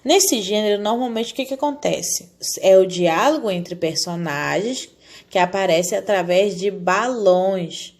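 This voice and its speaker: A woman's voice: mid-range voice, animated, a little slow. A woman teaching a recorded lesson to young children. She explains patiently and keeps asking the class questions, then answers them herself. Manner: talks down gently to small children. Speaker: primary school teacher.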